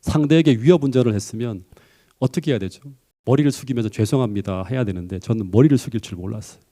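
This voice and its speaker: Delivering a sermon at a brisk clip, a middle-aged pastor shares a story from his own life, his animated delivery rising to high, emphatic peaks.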